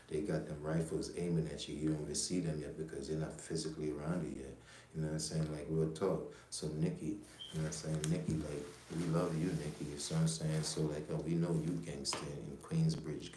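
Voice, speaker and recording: Hosting a casual livestream, a man from Jamaica who grew up in the US rambles on, swearing, using street slang, and repeating "you know what I'm saying" constantly. He has a very deep, dark voice, and the audio is roomy with a little hiss or hum.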